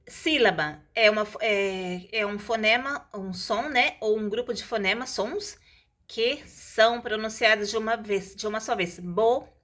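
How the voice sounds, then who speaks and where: Female teacher, mid pitch; talks through lesson casually and draws out example words. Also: fairly bright tone. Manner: stretches out example words slowly, tag questions.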